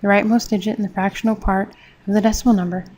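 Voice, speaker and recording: A woman teaching a math lesson, reading textbook steps in a steady, measured way. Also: mid-range voice, rough recording. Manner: steady, measured, step-by-step explanation.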